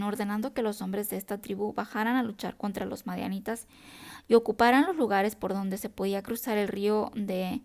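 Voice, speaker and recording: A woman reading a Bible passage aloud in a steady, unhurried devotional style, now and then correcting herself. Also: medium pitch. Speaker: Bible reader.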